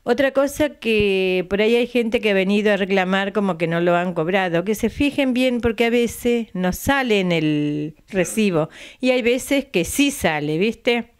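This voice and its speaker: An older Argentine woman, president of a retirees' center, chats in a local TV interview in her living room, speaking into a handheld mic held by the interviewer. She repeats dates patiently and tags lines with a questioning aside. Her Argentine Spanish comes in a mid-range voice, animated, unhurried, smooth, and with few pauses.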